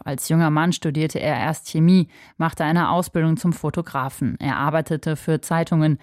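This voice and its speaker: A woman's voice: low-pitched, a little mellow, dry recording, studio quality. A woman reporter reading a scripted obituary narration. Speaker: radio reporter.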